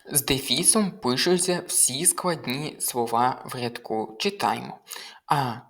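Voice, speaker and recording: A tutor walks through exam questions one at a time in a methodical, explanatory lesson. The voice sits at a middle pitch. Small hesitations come between points as each rule is explained. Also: unhurried, vocal fry, a bit bright. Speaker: language tutor.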